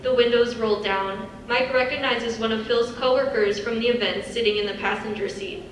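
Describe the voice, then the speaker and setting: As narrator of a live dramatic script reading, a woman reads stage directions in a highish, steady voice at a moderate pace. She's on stage in a large, very echoey indoor hall, captured by a distant mic with faint noise.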